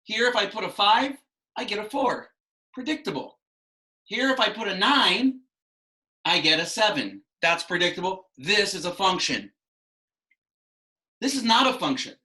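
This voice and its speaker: A man's voice: sits high, lively intonation, normal speed, long pauses, bright, forceful tone, rough recording. A man in his thirties teaching a math class online from a small room at a whiteboard, patiently asking questions and explaining step by step.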